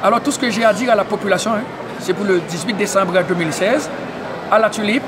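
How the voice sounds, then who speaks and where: Excitable man interviewer. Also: sits high, quick pace. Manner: excitable, tags nearly every phrase with "hein?". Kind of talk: casual community media interview. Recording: noisy crowded public event. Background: crowd chatter.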